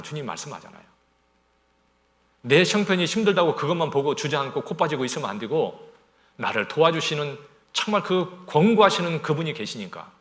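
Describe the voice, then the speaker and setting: Animated preaching man, lively pitch. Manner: animated preaching, rhetorical questions to the congregation. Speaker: pastor. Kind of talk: sermon.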